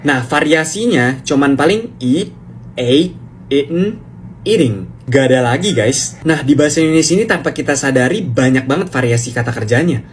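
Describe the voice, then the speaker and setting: A man giving a casual explainer on word variations, rapid and playful with slangy speech. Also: mid-range voice, expressive, slight background noise. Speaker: language explainer video creator.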